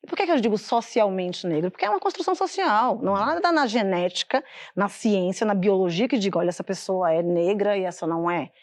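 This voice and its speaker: Measured woman explaining. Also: medium pitch, animated. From Salvador, Bahia, Brazil. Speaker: interview guest, public prosecutor. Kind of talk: studio TV interview. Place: TV studio.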